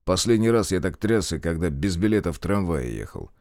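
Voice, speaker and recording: Guy doing a tired dry-witted officer, lowish voice, deadpan. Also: brisk, dry recording. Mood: wry. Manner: dry, wry, understated.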